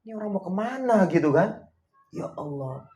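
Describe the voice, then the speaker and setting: Guy coaching a seminar crowd, kinda high voice, gets loud then goes quiet, laughs a lot. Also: normal speed. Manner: animated, swings between loud and hushed; chuckles often while telling stories. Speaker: motivational coach. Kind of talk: motivational seminar talk.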